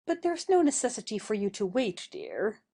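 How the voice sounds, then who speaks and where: In an audio stage play, a woman voices a composed young lady who is kind and teasing, speaking in a measured, gently reproving way. Her pitch is fairly high and swings widely.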